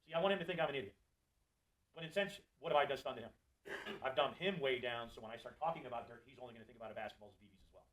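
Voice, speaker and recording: Rapid-fire animated male sales trainer. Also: medium pitch, poor audio. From Florida. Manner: animated, jokey, asks the audience questions. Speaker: sales trainer for service technicians. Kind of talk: live training talk to a group.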